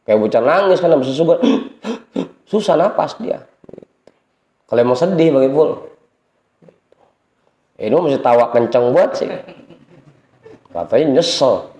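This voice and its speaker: A man with a Betawi Indonesian accent teaching a casual religious study circle, joking with his listeners and reading Arabic passages slowly. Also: medium pitch, lively intonation, warm tone. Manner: joking, chatty with the congregation, reads Arabic slowly. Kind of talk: informal religious lesson. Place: prayer hall. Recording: echoey hall.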